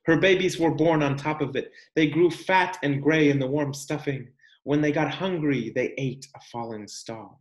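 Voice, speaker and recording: A man whose voice is a little high reads a picture book to children in the style of a teacher. His delivery is deliberate and full of expression, punctuated by emphatic pauses and guiding questions, and the room sounds echoey.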